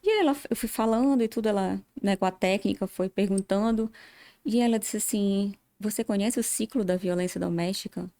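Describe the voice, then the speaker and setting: A woman's voice: medium pitch, brisk, mellow. A woman giving earnest personal testimony as a podcast guest, often acting out remembered dialogue.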